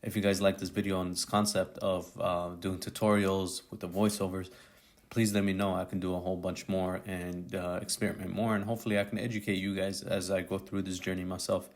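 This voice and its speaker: Man, fairly low voice, casual slangy voice-over, photography tutorial narration. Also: little pitch movement, a little fast. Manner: casual and slangy, thinking aloud. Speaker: photographer and YouTuber.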